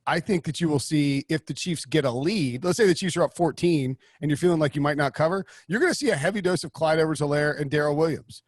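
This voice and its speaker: A man hosting a casual sports betting podcast, talking in an animated, rambling way with many restarts. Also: on the high side, fast talker, hardly any pauses, dry recording, clean studio sound. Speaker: podcast host.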